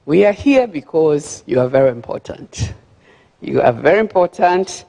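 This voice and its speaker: A woman's voice: low voice, animated, moderate pace, vocal fry, warm tone. An older woman with a Ugandan accent gives a speech at a gala, chatty and friendly, often repeating words as she searches for the next one. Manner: chatty, repeats words while searching for them, laughs at her own remarks. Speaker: guest speaker at a gala. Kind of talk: formal speech with friendly asides. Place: large banquet hall. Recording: long hall reverb.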